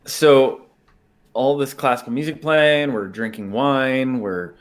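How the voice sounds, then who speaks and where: In a casual podcast chat, a male co-host tells a story in a steady, medium-pitched voice at a slow pace. He rambles, laughs a lot, and keeps restarting his sentences.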